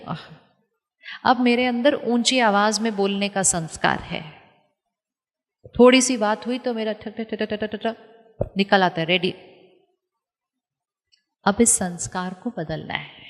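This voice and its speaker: A woman giving a calm spiritual talk to an audience, teaching step by step with rhetorical questions and repetition. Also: a little high. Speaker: spiritual speaker. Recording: long hall reverb.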